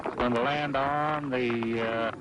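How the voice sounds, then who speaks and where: A man's voice: medium pitch, steady tone, takes it slowly. Male, golf commentator, folksy play-by-play, televised match, noisy vintage broadcast sound. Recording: noisy old broadcast audio.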